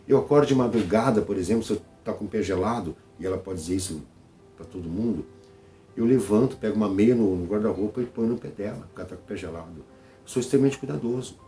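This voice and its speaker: Low, mellow-voiced Brazilian man chatting. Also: quick pace. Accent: Brazilian Portuguese. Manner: conversational, repeats phrases, frequent "tá?" tags. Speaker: channel host. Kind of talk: casual vlog monologue.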